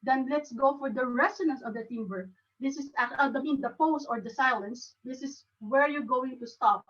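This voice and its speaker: A woman with a Filipino accent giving a club talk on speaking, halting and restarting often. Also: sits high, fairly bright tone, recorded from a distance, highs cut off. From Philippines. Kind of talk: educational talk.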